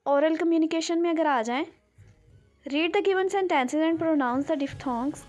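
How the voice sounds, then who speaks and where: Slow-speaking Pakistani woman teacher. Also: sits high, a little mellow, soft background music, poor audio. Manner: slow, switches between English and Urdu explanations. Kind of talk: online English lesson.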